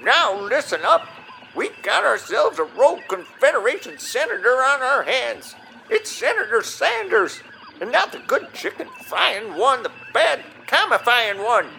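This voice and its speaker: A man playing a gruff, blustering old commodore who sounds like a grubby prospector, barking folksy orders in a comedy audio sketch. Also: very high-pitched, sing-song, measured pace, sharp tone, slight background noise, full character voice, poor audio. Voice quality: gravelly, twangy old-timer bark.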